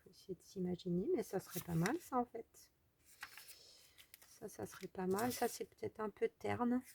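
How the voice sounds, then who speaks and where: A woman's voice: medium pitch, normal speed, creaky, darkish tone, slight background noise. A French woman chatting casually as she walks through a crafting tutorial, thinking aloud with trailing fillers. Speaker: crafting video host.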